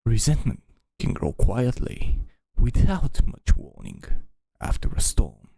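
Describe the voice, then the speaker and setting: A man imitating a sleepy, woozy game character in a slow, drawn-out mocking read. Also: mid-range voice, wildly swooping pitch, vocal fry, dark tone, breathy edge, no room sound, full character voice.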